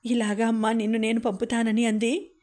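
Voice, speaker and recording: A woman's voice: on the high side, level tone, brisk, darkish tone, close to an everyday voice. A woman reading the lines of a grieving elderly father in a choked, pleading way.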